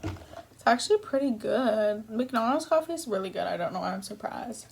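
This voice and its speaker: A woman's voice: on the high side, moderate pace, vocal fry, a little hiss or hum. A young woman vlogger talking casually between bites in an eating video, rambling, self-deprecating and casually sweary. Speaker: mukbang vlogger.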